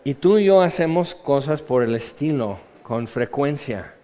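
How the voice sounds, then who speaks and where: Animated preacher in an echoing hall. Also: male voice, unhurried. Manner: animated storytelling, acts out voices with big jumps in pitch and loudness. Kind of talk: sermon. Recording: muffled sound in a long-echo hall.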